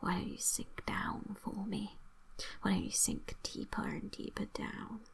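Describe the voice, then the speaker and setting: With a steady tone in a mid-range voice, a woman whispers breathily close to the microphone for ASMR hypnosis. She coaxes the listener along with repetitive suggestions and pauses that linger.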